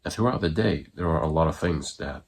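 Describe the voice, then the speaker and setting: A man coaching viewers through an exercise in an informal, halting way, in short phrases. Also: a bass voice, lively intonation, husky. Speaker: breathwork coach giving online guidance. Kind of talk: instructional talk to viewers.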